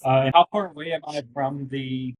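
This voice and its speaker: A man's voice: mid-range voice, fairly even intonation, brisk, rough recording. A man playing a tabletop game, hesitant and asking about the rules. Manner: hesitant, asks rules questions. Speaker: player.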